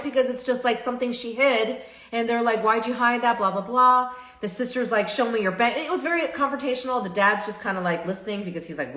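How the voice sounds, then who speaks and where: A woman's voice: fairly high pitch, a bit bright. A middle-aged woman, a family therapist, talking casually on a live stream. She often checks in with her viewers by asking "right?". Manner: chatty, asks the audience "right?" often. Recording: echoey room.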